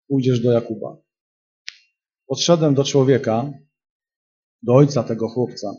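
A man preaches a charismatic sermon in a church hall. His voice sits a little high and sounds husky. He swings between loud, emphatic peaks and quiet storytelling, on a dull, lo-fi recording.

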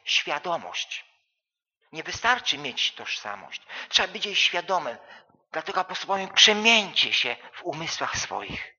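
Lively, bright-voiced male preacher. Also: a little high, slightly rough, highs cut off. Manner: rhetorical questions, repetition, swings from soft to loud. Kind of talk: sermon.

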